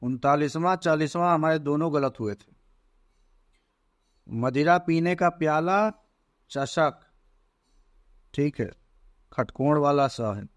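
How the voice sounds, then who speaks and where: A man talks through exam questions like a teacher, unhurried and deliberate. His voice sits slightly high, and the sound is dry and close, with no room around it. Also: no echo. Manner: slow, deliberate, repeats "theek hai" often. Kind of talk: exam paper walkthrough lesson.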